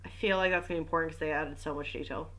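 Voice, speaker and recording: A woman's voice: low-pitched, fairly even intonation, very fast, fairly bright tone, rough recording. A woman reading a mystery novel aloud, breaking off for casual, jokey asides. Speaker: reader and commentator. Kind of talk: casual read-aloud with commentary.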